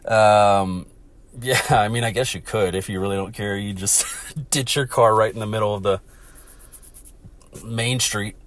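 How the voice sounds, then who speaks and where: A man's voice: fairly low pitch, steady tone, a little slow, long pauses, a bit bright. Stuffy-nosed American man chatting casually. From Texas, United States. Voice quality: stuffy, congested nasal voice. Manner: rambling, profane. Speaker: podcast host. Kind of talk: casual solo sports chat.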